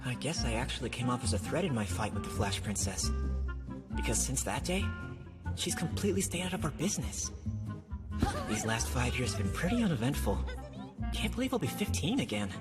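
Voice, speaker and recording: A lazy teenage boy wizard in an anime dub. The voice sits low but swings widely, with a sarcastic, grumbling delivery. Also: a little fast, over loud music. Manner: sarcastic, grumbling, deadpan asides.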